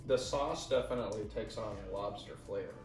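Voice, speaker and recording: A man's voice: lowish voice, fairly quick, darkish tone. A man co-hosting a casual cooking vlog, tasting the food and replying briefly and agreeably. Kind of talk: casual chat. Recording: roomy kitchen, distant mic, music.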